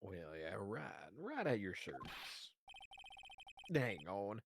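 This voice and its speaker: Man doing Gumshoe, a gruff country-accented detective. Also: on the low side, huge pitch swings, takes it slowly, slight background noise, full character voice. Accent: Southern US country, put on. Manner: drawling tough-guy talk, calls people pal. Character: gruff male police detective, folksy and suspicious.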